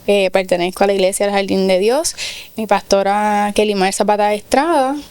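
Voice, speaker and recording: Soft-spoken woman co-pastor. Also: mid-range voice, steady tone, normal speed, clear, resonant tone, no echo. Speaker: co-pastor, guest. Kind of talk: personal testimony in a radio interview.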